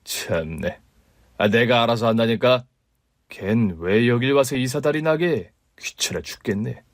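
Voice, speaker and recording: A man voicing a callous, dismissive middle-aged father who talks in a gruff, grumbling way. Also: expressive, measured pace, no echo, studio quality. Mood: irritated. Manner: gruff, grumbling, low-voiced.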